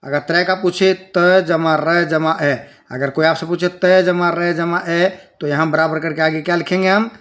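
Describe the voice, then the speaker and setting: A man's voice: fairly high pitch, steady tone, moderate pace, hardly any pauses, fairly bright tone. A man teaching a children's language lesson, patiently breaking words into sounds and spelling them out step by step.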